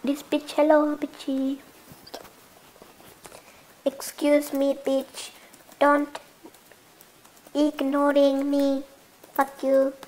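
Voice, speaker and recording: A woman's voice: high-pitched, completely flat delivery, drawn-out words, long pauses, a little mellow, a little hiss or hum, rough recording. A young woman giving crude, comedic commentary over a game, swearing constantly in a bratty manner. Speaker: gamer.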